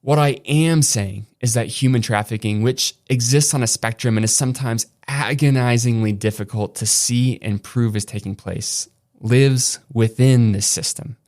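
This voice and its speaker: A man hosting a podcast, narrating a documentary script in a measured, earnest and emphatic way. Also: medium pitch, darkish tone. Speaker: podcast host. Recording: narration over clear music.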